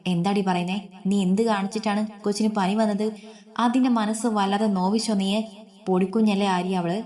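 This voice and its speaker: A woman reading the part of an older grandmother, worried and brisk, scolding as she fusses. She frets in quick bursts over a sick child in this storybook reading. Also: medium pitch, fairly even intonation, darkish tone, natural voice. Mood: fretful.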